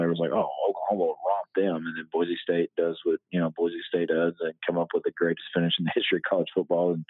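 Deep-voiced man on a tinny line. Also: no room sound. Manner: repeats his words and restarts often. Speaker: football pundit. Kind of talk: casual sports talk. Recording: dry, tinny phone-line sound.

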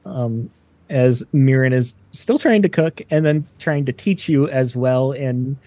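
A man's voice: mid-range voice, measured pace, warm tone, dry recording. A man narrating a fantasy tabletop game as game master.

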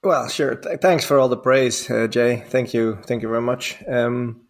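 A native Dutch speaker from the Netherlands, a man in his forties, appears as a guest diving instructor on a casual podcast interview. With a medium-pitched voice at a moderate pace, he rambles through stories, amusing himself and peppering them with fillers.

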